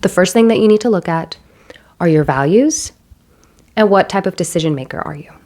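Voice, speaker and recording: A stay-at-home mom vlogging casually, sounding nasal from a cold, chatty and self-deprecating with rambling asides, holding a handheld mic at home. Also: female voice, fairly low pitch, expressive, fairly quick, mellow. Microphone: handheld microphone.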